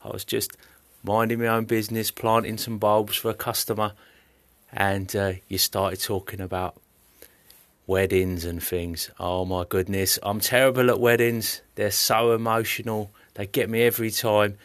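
A British man leaving a casual voice message, effusive and halting as he repeats his words. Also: on the low side, flat delivery, a bit bright, no room sound. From United Kingdom. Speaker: podcast listener leaving a voice message.

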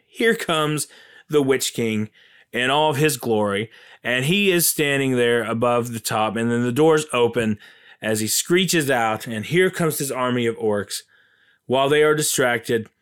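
A man's voice: medium pitch, fairly bright tone, clean tone. A man giving a casual, enthusiastic and rambling recap of a film.

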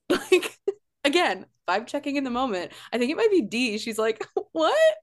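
A woman co-hosting a casual podcast, animated and laughing, often mock-outraged. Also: on the high side, normal speed. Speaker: podcast co-host.

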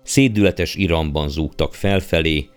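Deep voiced guy reading a storybook, soft music under it. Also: clear, resonant tone. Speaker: narrator. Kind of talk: storybook audiobook narration. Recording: faint background music.

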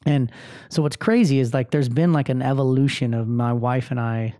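A man's voice: mid-range voice, normal speed, dark tone, no echo, studio quality. A man hosting a podcast, telling personal stories in a candid, self-deprecating way and swearing freely. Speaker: podcast host. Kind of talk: casual personal monologue.

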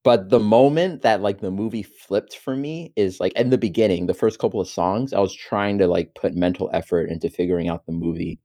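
A man's voice: low voice, a little fast, hardly any pauses, warm tone. A man in casual chat, telling a story with exasperation and acting out his own reactions.

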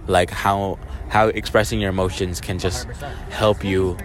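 A man's voice: low-pitched, level tone, measured pace. A teenage boy hosting a casual joking chat in a mock-earnest, ironic zoomer way full of slang. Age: teens. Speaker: host. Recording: noisy outdoor, traffic and vehicle ambience.

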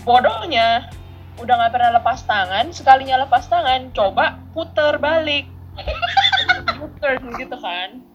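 A woman in her thirties telling a childhood story as a podcast co-host, animated and laughing often. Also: high-pitched, unhurried, muffled recording, faint music behind. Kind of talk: casual storytelling chat.

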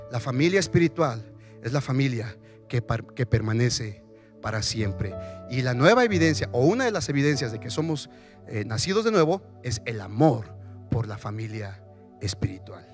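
A male pastor preaching a sermon in a church, animated and often asking the congregation questions. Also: medium pitch, moderate pace, soft background music.

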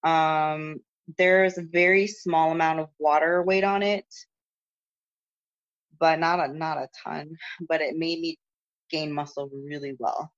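Speaking a little slowly with fairly even intonation, a young competitive lifter chats loosely in an interview by phone. She's full of fillers and restarts, her voice has lost its upper register and is no longer high, and the recording is muffled phone audio.

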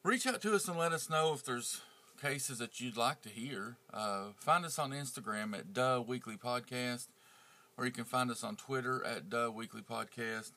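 Wrapping up his true crime podcast, a man with a mid-range, pushed and bright voice chats casually at a moderate pace. He rambles, leaning on fillers and frequently restarting sentences.

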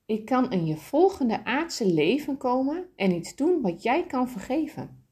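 A woman voicing a kind, loving, wise soul who explains things gently and patiently. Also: high-pitched, big pitch swings, measured pace, husky, voice pushed up, exaggerated voice. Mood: gentle.

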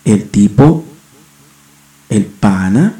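A man's voice: fairly low pitch, expressive, very slow, mellow, roomy sound. A man from Venezuela with a Venezuelan accent, rambling slangily with profanity and restarts in a casual monologue as a podcast host on a home microphone. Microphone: home microphone setup.

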